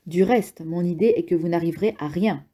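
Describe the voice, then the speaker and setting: A woman reads a jittery middle-aged man who blusters and pleads by turns in this audiobook. The voice sits low and dark, with a husky grain. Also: fairly quick. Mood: defensive, agitated. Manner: agitated, blustering, sometimes pleading. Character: nervous middle-aged male rentier, defensive.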